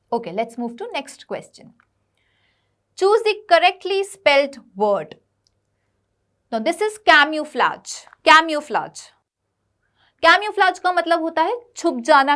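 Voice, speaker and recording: A woman teaches an online exam-prep lesson in a high, light voice. She moves between Hindi and English, sounds out the spelling of each word slowly and keeps checking that students follow. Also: a bit bright. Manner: mixes Hindi and English, drills pronunciation, checks in with "got it?".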